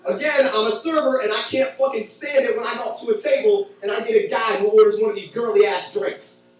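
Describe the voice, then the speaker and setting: Young male stand-up comedian, crude and sarcastic, high voice, distant mic, echoey club. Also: steady tone, brisk. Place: club with audience. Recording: echoey room from far off.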